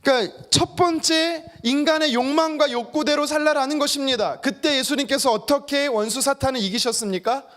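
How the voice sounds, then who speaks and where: A man preaching a sermon as pastor, lively, acting out quoted voices and making joking asides. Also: very high voice, brisk, hardly any pauses. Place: church sanctuary.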